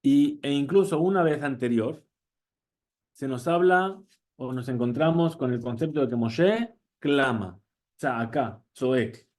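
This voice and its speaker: A man, a rabbi, giving a Torah class, asking questions as he goes and quoting Hebrew phrases, often pausing to restart. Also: medium pitch, a little mellow. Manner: teaching with questions and Hebrew quotes; frequent hesitations and restarts.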